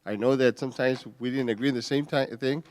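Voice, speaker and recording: Male local official, medium-pitched voice, unscripted remarks with a stumbling, halting delivery. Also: steady tone, a little mellow, a little hiss or hum. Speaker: city official. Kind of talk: informal impromptu remarks.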